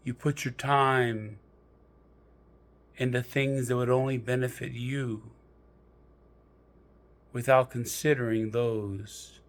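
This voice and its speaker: A man leads a meditation in a slow, storytelling manner punctuated by pauses. His voice is mid-range and his intonation fairly even.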